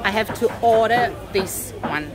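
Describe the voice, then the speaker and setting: Walking through a crowded fish market, a Russian travel vlogger with a Russian accent talks with the sellers in hesitant English peppered with fillers. Her mid-range voice comes through a very noisy recording, thick with the bustle of the market crowd.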